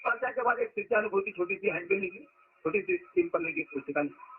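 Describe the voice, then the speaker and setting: A man's voice: high voice, sing-song, fast talker, gravelly, a little hiss or hum. A man giving a spiritual discourse to followers, telling stories and stressing words to make his point. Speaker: spiritual teacher. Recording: lo-fi phone-like recording.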